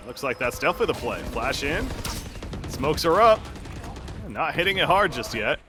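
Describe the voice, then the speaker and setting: A man's voice: fairly high pitch, moderate pace, over music. A man working as an esports caster, giving live play-by-play commentary on a game. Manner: excitable during action, relaxed between rounds.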